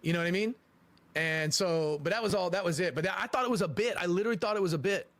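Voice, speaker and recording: A man's voice: high voice, fast talker, fairly bright tone, a little hiss or hum. A man telling a casual story from a streaming clip, rambling and repeating himself, stumbling over his words.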